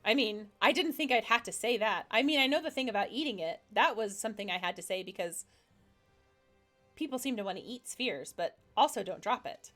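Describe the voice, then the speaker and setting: A woman's voice: a little high, expressive, brisk, fairly bright tone, soft background music. A woman voicing a curt, dry male fire genasi shopkeeper in a tabletop game. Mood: exasperated.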